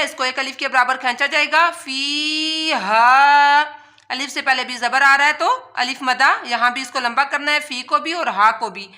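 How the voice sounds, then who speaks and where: A woman teaching Quran recitation word by word, spelling out letters and then chanting each word slowly and drawn out, with quick explanations in between. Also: high voice, sharp tone. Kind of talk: tajweed lesson, word by word.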